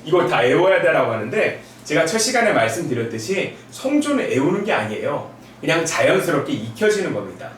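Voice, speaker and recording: A male professor of middle age teaches in a chatty, easygoing way and stretches sample syllables into clear rising and falling glides. His voice sits high and moves a lot. It reaches the mic from across a very echoey lecture room, with faint noise behind. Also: a little fast, recorded from a distance. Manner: demonstrates sounds with sung pitch glides; relaxed, chatty with asides. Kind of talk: recorded lecture.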